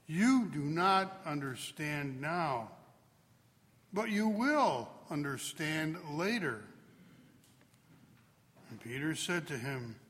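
A man, a priest or deacon, reads a Gospel passage at Mass in a slow, solemn, deliberate way. He sounds like he is in a large church. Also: a bit bright. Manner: slow, deliberate reading with wide swings in pitch. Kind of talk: solemn liturgical Gospel proclamation. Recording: long reverb of a large church.

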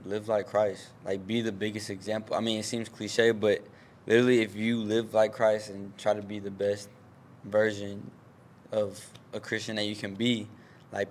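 A man's voice: on the low side, a little hiss or hum. A young adult man who works as a teacher, giving earnest, plain-spoken advice in casual chat.

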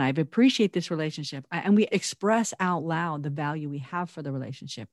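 A woman's voice: sits low, a little mellow, no echo, clean studio sound. A woman co-hosting a casual faith-based chat, earnest and intense, laughing often as she talks. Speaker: podcast co-host.

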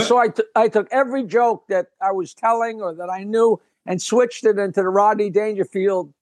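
An older male comedian with a fairly high-pitched voice tells stories in a loose, rambling way, laughing and restarting mid-sentence. He is recorded close and dry, with no room sound. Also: normal speed, no room sound. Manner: lively, rambling storyteller who breaks off and restarts with a laugh. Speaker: guest comedian. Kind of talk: casual storytelling interview.

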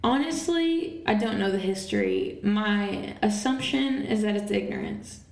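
A woman's voice: medium pitch, unhurried, vocal fry, a little mellow. A woman co-hosting a church podcast in casual chat, laughing often. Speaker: podcast co-host. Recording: roomy echo.

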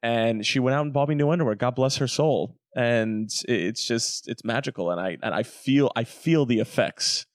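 A man co-hosting a casual banter podcast, rambling through jokes and teasing his partner. His voice sits at a middle pitch, and the dry, close sound has no room echo. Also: normal speed, hardly any pauses. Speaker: podcast co-host. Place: home room called Florida room.

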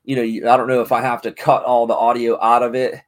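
A middle-aged man in a casual talking-to-camera vlog, rambling excitedly with lots of restarts. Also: mid-range voice, fast talker. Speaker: vlogger and parent.

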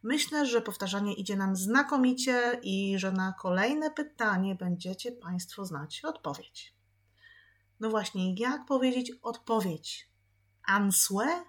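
Slow, patient woman teaching pronunciation. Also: mid-range voice, lively intonation. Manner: patient, repeats words slowly for practice. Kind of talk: podcast lesson.

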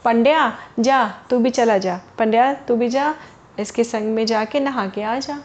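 A woman's voice: a little high, measured pace, close to an everyday voice. A woman voicing a greedy, scheming middle-aged village shopkeeper in a storybook tale for children. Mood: friendly. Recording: dull lo-fi recording.

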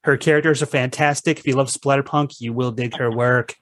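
A man's voice: medium pitch, steady tone, a little fast, fairly bright tone, a little hiss or hum. A man from the United States hosting a podcast, riffing with playful jokes in casual chat. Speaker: podcast host.

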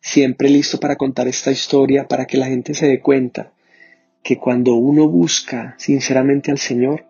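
A man tells his testimony in an earnest, even delivery with little rise and fall. His voice is husky and warm, and the recording sounds dull and lo-fi. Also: medium pitch, moderate pace. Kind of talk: personal testimony.

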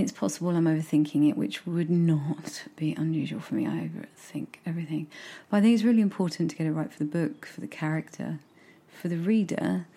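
A woman with a regional British accent who drops her consonants talks reflectively about her writing, often sinking into a near-whisper. Her voice is low, dark and husky, with a mellow, unhurried warmth. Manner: soft-spoken, often drops to a whisper, musing. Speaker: writer vlogging about her novel draft. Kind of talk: casual reflective talk to camera.

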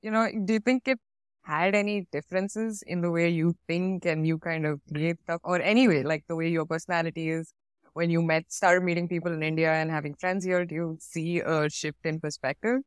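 Brief: chatty co-host, mid-pitched, smooth voice, dry close sound. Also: steady tone, a little fast, no room sound. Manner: short eager interjections, laughs along. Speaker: podcast co-host. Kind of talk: casual chat.

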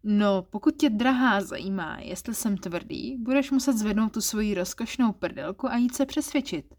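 A woman's voice: medium pitch, darkish tone, lightly acted. A woman reading the lines of a smug, flirtatious male office clerk who teases with suggestive double meanings in an erotic story. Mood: teasing.

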